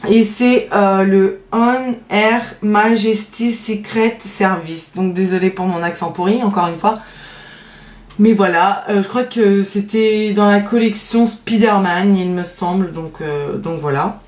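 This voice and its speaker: Speaking at a measured pace in a mid-range, slightly mellow voice, a woman vlogger casually presents her favorite nail polishes. The sound is roomy. Her delivery is halting, thick with fillers and trailing "donc voilà"s, though she clearly loves the polishes she's showing.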